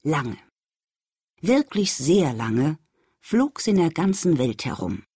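A woman reading a children's story aloud, speaking gently and addressing the young listener directly. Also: deep voice, very animated, takes it slowly, husky, no echo, clean studio sound.

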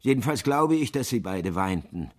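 A man reading a novel aloud as narrator, in a measured, sombre storytelling manner. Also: fairly low pitch, very animated, darkish tone. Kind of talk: scripted audiobook narration.

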